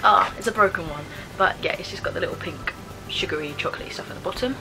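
A woman's voice: on the low side, fast, vocal fry, low-quality recording. A British woman in her twenties giving casual, chatty taste-test commentary, thinking aloud with some hesitation. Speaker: vlogger reviewing snacks. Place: small bedroom, indoors.

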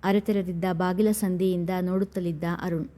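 A woman narrating an audio story in a measured, dramatic reading. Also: fairly low pitch, steady tone, warm tone.

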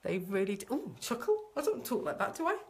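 Chatty and excited, a female medium reads the spirits for her live-stream audience, whom she calls sweetie. Her mid-range voice runs at a quick pace.

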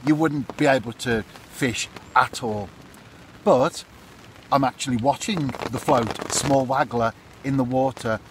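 Sheltering under a fishing umbrella beside a pool during a storm, a man in his fifties with a mid-range voice offers casual fishing tips straight to camera. The vlogger is chatty and repetitive, often tacking on "isn't it?", while a close-up phone or camera mic picks up the wind and rain.

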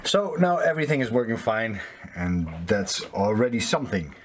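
Dutch man, halting English, noisy recording. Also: fairly low pitch, very animated. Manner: halting non-native English, searching for words as if translating. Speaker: sailing vlogger. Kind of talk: casual DIY repair explanation. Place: small boat cabin interior.

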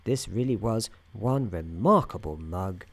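In an ASMR storytelling roleplay, a soft-spoken man plays a soothing, wry narrator inside an office worker's head. His voice sits on the low side with lively intonation, and his delivery is measured and theatrical. He narrates calmly.

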